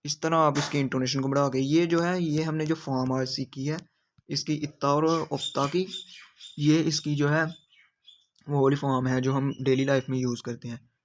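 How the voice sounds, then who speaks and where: A man's voice: a little high, steady tone, moderate pace, slight background noise. A man teaching grammar in a video lesson, patiently repeating each example sentence. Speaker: language teacher.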